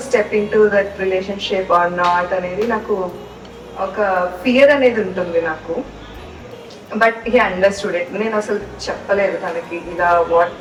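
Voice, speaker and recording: Soft-spoken young woman, echoey and distant. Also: mid-range voice. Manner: mixes Telugu and English, hesitant fillers. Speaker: bride. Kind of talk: wedding video interview. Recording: roomy echo from far off with loud music.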